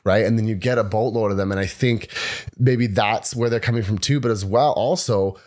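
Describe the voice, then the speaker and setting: A man in his thirties from Botswana hosting a podcast, telling stories in a calm, reflective way. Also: on the low side, fairly quick. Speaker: podcast host and life coach. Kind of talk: casual podcast conversation.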